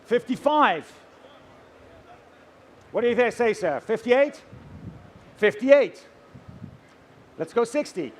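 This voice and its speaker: High-pitched male auctioneer calling bids. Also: lively intonation, takes it slowly, pauses often, a little hiss or hum. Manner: chanting rising numbers, addressing bidders directly, theatrical.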